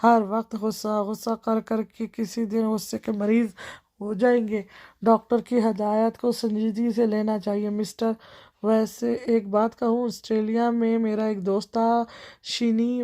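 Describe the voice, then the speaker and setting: A woman's voice: fairly high pitch, little pitch movement, mellow, close to an everyday voice. A woman voicing a playful young wife who teases her stern husband in a cheeky, mocking way.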